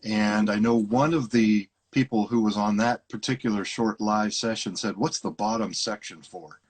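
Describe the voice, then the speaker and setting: A man's voice: fairly low pitch, steady tone, normal speed, husky. A man hosting a live online interview, asking questions in a chatty, friendly way. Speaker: interview host. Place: Ohio.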